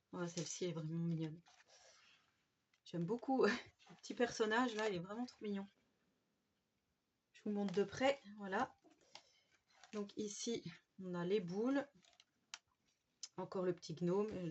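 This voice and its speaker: A woman's voice: medium pitch, unhurried, long pauses, a little mellow, a little hiss or hum. Female craft vlogger, from France, chatty and gushing, slightly dull home recording with faint paper clicks. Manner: chatty and gushing, with many fillers and little exclamations. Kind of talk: casual haul show-and-tell.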